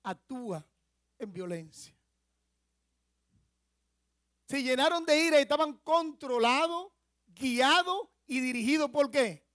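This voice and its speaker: A very high-pitched, expressive male voice with a fairly bright tone comes from a Dominican Republic pastor speaking a little slowly. He explains a word in his sermon in the church sanctuary, teaching with rhetorical questions to the congregation, and the clean studio recording has no room sound.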